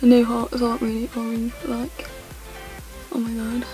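A woman's voice: fairly high pitch, completely flat delivery, moderate pace, warm tone, faint music behind, rough recording. A young woman chatting to camera at home, rambling and giggly, correcting herself often and filling with "yeah" and "like". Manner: rambling, giggly, self-correcting with many fillers. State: voice sounds odd, she says. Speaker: vlogger. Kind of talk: casual chat to camera. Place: home, indoors.

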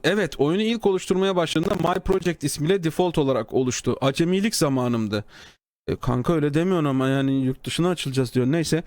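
Sarcastic Turkish streamer, high dry voice. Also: male voice, dry recording. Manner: sarcastic, mocking, swings from low mutters to high exclaims. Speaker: streamer reading and answering a developer's comment. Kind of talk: casual live-stream talk.

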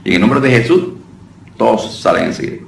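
A man's voice: fairly low pitch, animated, fairly quick, gravelly. A man gives a loose, conversational preaching lesson, addressing listeners as brother and often breaking off to restart his phrases. He is picked up from a distance in a roomy space with echo. A faint noise sits under his voice. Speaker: deliverance minister teaching.

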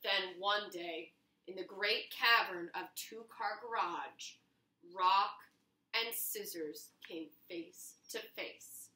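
A young teacher reads a children's storybook aloud with lots of expression in a kitchen, her medium-pitched voice slow, pushed and bright. The mic sits across the room, so there's a roomy echo.

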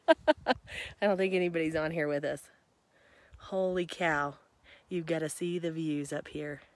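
A middle-aged woman streaming live from a mountain hike on her phone, tired from the climb, greeting viewers by name with excited chatter and frequent laughter. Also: sits low, measured pace, pauses often. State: tired from hiking. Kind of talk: casual live-stream chat. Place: outdoors on a mountainside. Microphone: phone held at arm's length.

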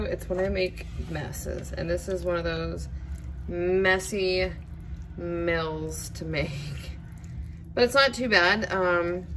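A young woman, chatting casually as she cooks in her home kitchen, with plenty of ums and a relaxed, unhurried way of talking. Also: on the low side, a little hiss or hum. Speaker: home cook vlogger. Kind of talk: casual cook-along narration.

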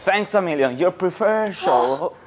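A woman's voice: lowish voice, lively intonation, measured pace. A woman playing a male game show host who keeps mishearing and getting muddled. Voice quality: hard of hearing, muddled. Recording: loud background noise.

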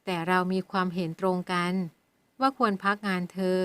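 Woman doing a calm older male patron. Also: on the low side, clean tone, close to an everyday voice. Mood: soothing. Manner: measured, gentle, even-tempered. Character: calm composed middle-aged male patron.

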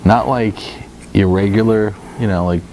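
A middle-aged man with a fairly low voice tells a story in an animated, rambling way, full of "uh"s and restarts. He talks into a lapel mic in a small studio room. A clear layer of background noise sits under the voice. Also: normal speed, rough recording. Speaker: co-host. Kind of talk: casual storytelling chat. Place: indoor studio room with guitars on the wall. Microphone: lapel mic with headphones.

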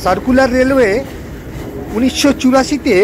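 A man's voice: extremely high pitch, normal speed, noisy background. A man narrating a local train journey as a travel vlogger, pointing out sights along the route. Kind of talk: calm guided narration over train footage.

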